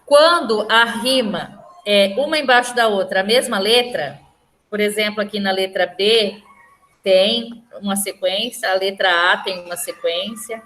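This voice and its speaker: A woman's voice: mid-range voice, a bit bright, a little hiss or hum. A woman with a Brazilian Portuguese accent, a teacher explaining a lesson patiently and often checking that the class follows.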